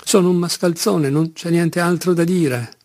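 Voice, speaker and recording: A man's voice: on the high side, fairly even intonation, unhurried, darkish tone, dry recording, studio quality, voice pushed up. A man voicing a passionate, self-loathing young Russian convict who pleads and reproaches himself, in an audiobook reading. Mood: anguished.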